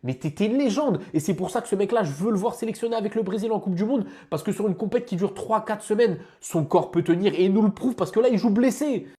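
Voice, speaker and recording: Fast-talking hyped man. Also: sits high, warm tone. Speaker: football reaction creator. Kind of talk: energetic reaction video.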